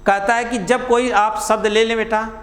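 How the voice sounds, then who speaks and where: A male teacher giving a classroom lesson, dictating notes and repeating each phrase slowly for students to write down. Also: high voice, little pitch movement, a bit bright, big-room sound, slight background noise.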